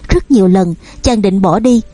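A woman narrating a novel as an audiobook reader, in a steady storytelling manner. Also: medium pitch, moderate pace, breathy edge, no room sound. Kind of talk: novel reading.

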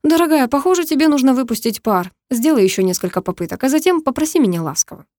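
A smug young man, voiced by a woman reader in a storybook. He teases with playful, lifted lines in a mellow, dark tone, recorded dry and close. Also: high-pitched, animated, quick pace, dry recording, pitched above the performer's own voice. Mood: teasing. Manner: teasing, smug.

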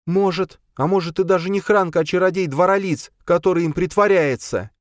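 A man reading an audiobook and voicing a calm, stubborn young woman who is a cat-witch, speaking firmly and coolly. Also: high voice, brisk, no echo, voice pushed up, close to an everyday voice. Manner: calm and firm, coolly dry.

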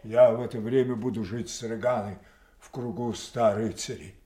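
Male actor as old king and father, audio play tragedy, halting, hushed to thundering, wounded pride, echoing room. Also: mid-range voice, steady tone, close to an everyday voice. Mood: grieving, bitter. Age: older. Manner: declamatory, slow and halting, swinging from hushed to thundering. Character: proud, wounded old king and father, raging at his daughters. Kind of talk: Russian classical stage tragedy acting, audio play.

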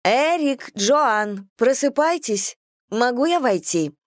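A woman's voice: medium pitch, normal speed, dry recording, close to an everyday voice. A woman voicing a caring young noblewoman, anxious and pleading, with a raised, dry voice. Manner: anxious, pleading and stern by turns. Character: higher-voiced caring noblewoman, the husband's sister.

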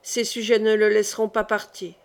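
A woman voicing a dying, weary king who speaks softly and confidingly in an audiobook reading. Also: level tone, moderate pace, close to an everyday voice. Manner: soft, low-voiced confiding.

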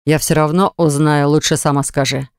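A reader voicing a jealous, hot-tempered man who growls and hisses his words, lower than the narration, in an audiobook. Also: little pitch movement, moderate pace, clear, resonant tone, dry recording, studio quality, close to an everyday voice. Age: adult. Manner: growling, hissing through teeth. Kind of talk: audiobook acting.

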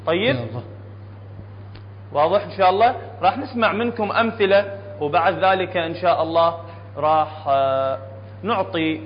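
A man with an Iraqi accent teaching a Quran recitation lesson to an audience in a hall, often quizzing them with questions. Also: high voice. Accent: Iraqi Arabic. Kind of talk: classroom tajweed lesson. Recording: dull, echoey hall recording with faint hum.

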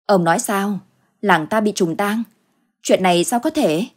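A woman voicing a worried elderly village wife in a ghost story, chiding and reassuring, with a husky voice. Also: medium pitch, lively intonation, moderate pace, lightly acted.

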